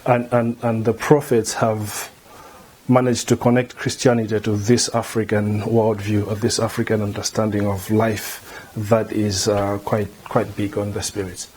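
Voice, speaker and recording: A middle-aged man from Malawi, a theology lecturer, answering interview questions in a measured way, often repeating words as he thinks. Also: lowish voice, flat delivery, a little mellow. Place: indoor room before a banner.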